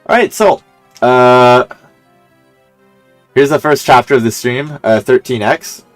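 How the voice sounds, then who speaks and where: A man streaming a game, explaining the story in a relaxed way with lots of fillers. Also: medium pitch, takes it slowly, soft background music. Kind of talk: casual game stream commentary.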